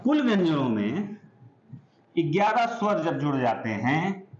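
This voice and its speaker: A man teaching an exam-prep grammar lesson, patiently spelling out sounds and often asking if it is clear. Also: a little high, big pitch swings, measured pace, a little hiss or hum. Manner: explains patiently, drawing out sounds and checking understanding. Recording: echoey room, dull lo-fi sound.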